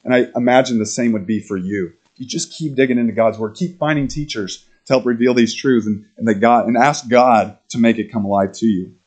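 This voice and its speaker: A male pastor preaching a sermon in a conversational, animated way, acting out quoted lines and laughing between points. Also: mid-range voice, brisk, hardly any pauses. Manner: animated, acts out quotes in character voices.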